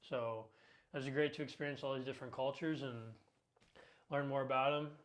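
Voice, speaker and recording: Upbeat twenty-something male co-host, talkative, casual and filler-heavy, average pitch. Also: steady tone, a little fast. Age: 20s. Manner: talkative, upbeat, frequent ums and uhs. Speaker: podcast co-host. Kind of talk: casual podcast chat.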